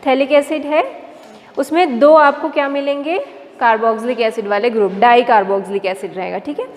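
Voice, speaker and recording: A woman's voice: fairly high pitch, normal speed. A woman teaching a chemistry lecture, explaining step by step and asking questions she then answers herself. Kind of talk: classroom lecture. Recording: long reverb, faint background noise.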